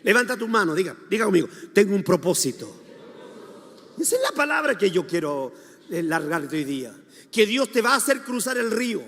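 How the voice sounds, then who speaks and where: Gravelly high-pitched preacher man. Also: sing-song, a little fast. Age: older. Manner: preaching with calls for congregation responses; dramatic, shifting between shouts and soft asides. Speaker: pastor. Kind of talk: sermon. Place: church hall. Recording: long hall reverb.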